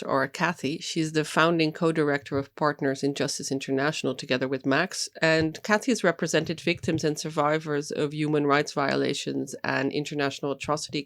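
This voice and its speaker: A podcast co-host reads scripted introductions in a mid-range voice. The delivery is clear and measured, like prepared narration. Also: medium pitch.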